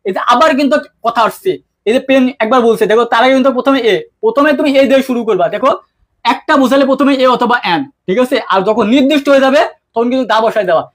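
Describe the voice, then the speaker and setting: A man teaching an English grammar lesson, constantly asking his students questions and answering them himself in a casual, colloquial way. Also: very high voice. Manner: quick-talking, keeps asking students questions; colloquial, mixes English terms into speech. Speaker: English tutor. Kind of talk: online exam-prep lesson.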